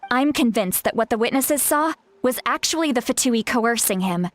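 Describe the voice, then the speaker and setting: An actress playing an earnest, caring woman guide in a fantasy video game, speaking in a measured, explanatory way. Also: a little high, animated, no room sound, close to an everyday voice. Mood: earnest, pleading. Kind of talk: scripted video game dialogue.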